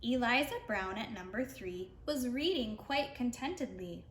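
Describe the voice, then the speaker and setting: A woman with a slightly high, fairly bright voice reads a rhyming picture book to preschoolers, expressive and a little slow. She's a read-aloud storyteller for young children. The recording sounds roomy, with faint background noise.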